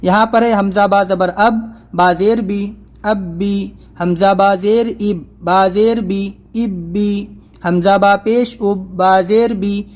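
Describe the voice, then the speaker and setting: A high-voiced man leads a beginners' Quran reading lesson. He is patient and repeats each spelling slowly and firmly. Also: steady tone. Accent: Urdu. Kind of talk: step-by-step recitation lesson.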